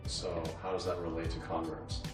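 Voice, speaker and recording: A man off to the side asks short, probing questions. His voice is deep and quiet, with faint music underneath. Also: flat delivery, moderate pace. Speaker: interviewer.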